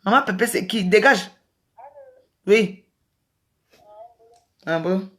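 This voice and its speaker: On a livestream, a Cameroonian woman launches into a heated rant, scolding and mocking her rivals and repeating herself often. She talks slowly, and her medium-pitched voice has a slightly bright quality.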